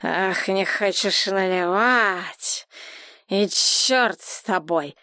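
A woman's voice: mid-range voice, pushed and bright, dry recording, studio quality. Gelya, woman voicing a drunk whiny young woman. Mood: angry. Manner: slurred, slow and whiny. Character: tipsy capricious secretive young woman.

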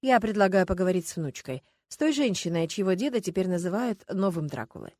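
A woman's voice: fairly low pitch, lively intonation, brisk, mellow, no echo. A woman voicing a level-headed woman sleuth who talks in a dry, matter-of-fact way in an audiobook. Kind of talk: audiobook character voice.

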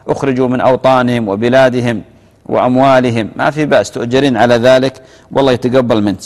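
Fast-talking scholar, reverberant studio. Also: male voice, medium pitch. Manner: reads out callers' questions, then answers with gentle repetition. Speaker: religious scholar answering viewer questions. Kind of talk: live TV fatwa Q&A. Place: television studio.

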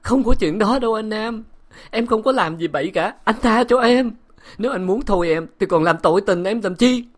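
A male reader performs a desperate young wife in a spoken storybook. Her voice rides high above his own and swings widely as she begs and pleads. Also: sing-song, brisk. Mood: sobbing. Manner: tearful pleading, raised high voice.

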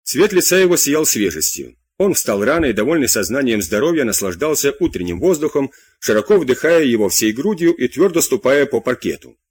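Male audiobook narrator, expressive, husky, dry studio sound. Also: medium pitch, brisk, few pauses, dry recording. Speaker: audiobook reader.

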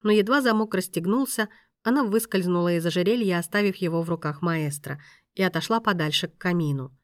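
An audiobook narrator with a lowish voice reads a novel aloud in an even, measured storytelling style, delivering scripted narration. The recording is studio quality, with no room sound.

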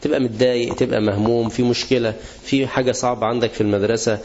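A man's voice: medium pitch, fairly even intonation, rapid-fire, a little mellow. A man with an Egyptian accent teaching a religious lesson to students, asking the class questions and answering them himself. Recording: dull lo-fi recording.

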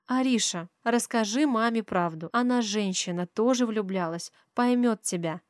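A woman voicing a gentle, wealthy young mother who speaks softly and soothingly, with a sly edge, in an audiobook. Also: fairly high pitch, normal speed, no room sound, studio quality, voice pushed up, lightly acted. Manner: soft and soothing, with a biting edge. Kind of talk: audiobook character voice.

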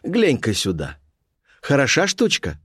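An impatient, eager nineteenth-century officer, as voiced by a male reader, firing off short exclamations. His voice is mid-pitched and lively, rising and falling a lot. The sound is close and dry. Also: measured pace, slightly rough, dry recording, full character voice.

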